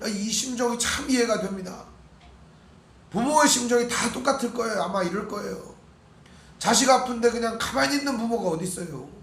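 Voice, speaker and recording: High-voiced pastor preaching in an echoey hall. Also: male voice, fairly quick. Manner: acts out biblical speakers in quoted voices, shouting their pleas; asks the congregation questions. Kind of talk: expository sermon. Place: church sanctuary.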